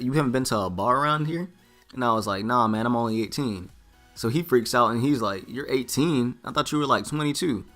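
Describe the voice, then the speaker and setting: A young man in his late teens or early twenties, a vlogger telling a story casually and acting out what people said. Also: mid-range voice. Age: young adult. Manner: animated, quoting himself and others in dialogue.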